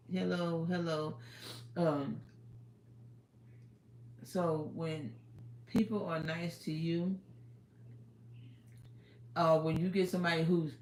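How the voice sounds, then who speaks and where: A woman's voice: fairly low pitch, creaky, darkish tone, reverberant, slight background noise. A woman in her fifties chatting casually on a livestream, rambling and giving life advice, talking into her phone. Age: 50s. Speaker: livestream host.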